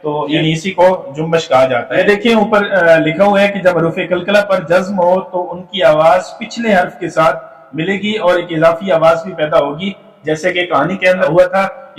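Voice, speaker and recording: A man teaching a tajweed lesson from slides, explaining patiently with filler pauses and sounding out demonstration syllables. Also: high voice, reverberant, distant mic, poor audio. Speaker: Quran recitation teacher.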